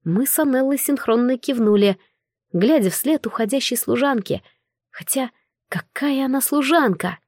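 A woman narrating a first-person fantasy novel in an expressive, storytelling manner. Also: high-pitched, moderate pace, no room sound, studio quality. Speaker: audiobook narrator.

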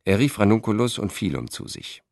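A man narrating an audiobook in a steady, measured storytelling voice. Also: on the low side, gravelly, dry recording, clean studio sound. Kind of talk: scripted narration.

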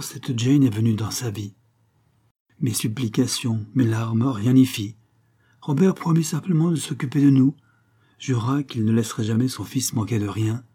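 A frightened young mother pours out a hushed confession in an audiobook, as a man reads her lines. The voice is dark and mellow, with a husky grain. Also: mid-range voice, lightly acted. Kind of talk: audiobook reading.

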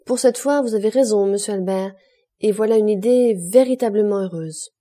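A woman reading the lines of a polite, skeptical young French gentleman in a storybook, in a courteous, measured way. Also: medium pitch, natural voice.

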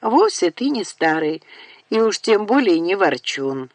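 A woman's voice: mid-range voice, sing-song, a little slow, no room sound. A woman voicing an affectionate young niece in an audiobook, speaking fondly and teasingly.

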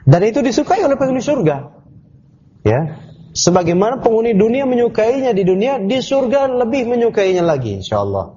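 Very high-voiced and very animated, this Islamic teacher speaks a little fast in a mellow tone during a classroom tafsir lecture. He explains scriptural terms one step at a time and puts questions to his students, captured on a dull lo-fi class recording.

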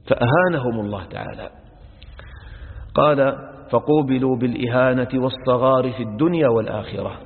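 Sheikh teaching in an echoey hall. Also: male voice, medium pitch. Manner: repeats each verse phrase and explains it word by word; addresses listeners as brothers. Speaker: sheikh teaching Quran exegesis. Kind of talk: religious lesson explaining verses. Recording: echoey hall over a narrow phone-like line.

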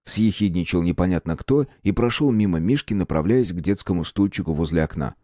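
A man narrating an audiobook story in a measured storytelling manner. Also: deep voice, animated, dark tone, dry recording, studio quality. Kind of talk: scripted narration.

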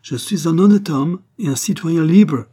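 A man voicing a stiff, irritable American gentleman who speaks French with a heavy English accent, curt and indignant. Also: on the high side, a little slow, husky, pitched above the performer's own voice.

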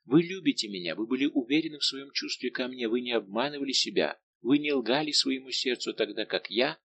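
Brief: a male reader playing a young noblewoman, raised pitch, emotional and imploring. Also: brisk, creaky, a bit bright. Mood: pleading. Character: young French noblewoman, tearful, pleading. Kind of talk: audiobook dialogue reading.

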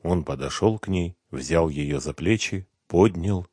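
A man narrating an audiobook in measured storytelling. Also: deep voice, mellow, breathy edge, dry recording, studio quality.

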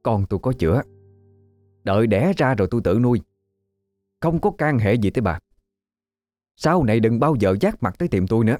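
A man's voice: mid-range voice, lively intonation, fairly quick, pauses often, darkish tone, no room sound, soft background music, pitched above the performer's own voice, close to an everyday voice. A man voicing a proud, stern older mother from a poor family in a spoken ghost story. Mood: indignant.

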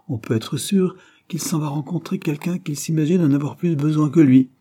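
Disapproving maid voiced by a man, grumbling, scornful, husky tone. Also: a little high, moderate pace, mellow, pitched above the performer's own voice. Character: grumbling female household servant, disapproving.

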